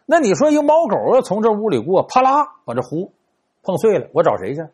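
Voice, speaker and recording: A man's voice: sits high, huge pitch swings, a little fast, breathy edge, pitched above the performer's own voice, heavily acted. A man voicing a superstitious old man in his seventies, fretful and muttering to himself. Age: 70s. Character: superstitious 73-year-old poor man fussing over teapot.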